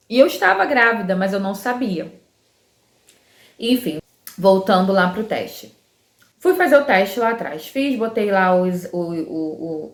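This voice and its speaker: Woman, 30s, casual storytelling, chatty, middle pitch, echoey home room. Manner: chatty, many fillers like "né". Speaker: vlogger.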